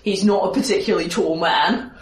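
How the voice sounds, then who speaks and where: A woman's voice: fairly low pitch, fairly even intonation, brisk, slight background noise. A woman running a tabletop game as game master, chatty, with frequent laughs and restarts. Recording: echoey room, mic far off.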